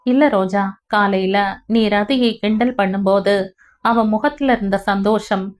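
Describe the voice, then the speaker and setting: Woman voicing an earnest young husband, gentle and remorseful, audio novel reading. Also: mid-range voice, a little slow, close to an everyday voice.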